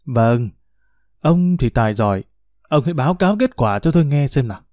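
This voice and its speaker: A man voicing a sharp-tongued older wife who scolds and pries at her husband. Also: mid-range voice, lively intonation, fairly quick, no echo, studio quality, lightly acted. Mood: scolding. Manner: scolding, prying.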